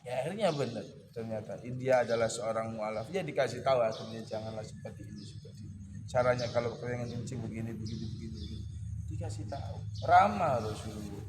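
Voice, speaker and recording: A man teaching a casual weekly religious study session, joking and teasing his listeners and clearing his throat often. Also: medium pitch, a little fast, background noise. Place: boarding school study hall. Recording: echoey hall with clear birdsong and ambience.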